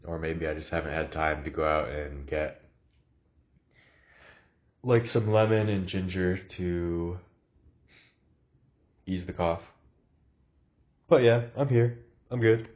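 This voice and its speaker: With a cough and a low voice, a vlogger takes things slowly, leaving long pauses as he muses casually in his new apartment. He stumbles through plenty of fillers, and the recording has its highs cut off.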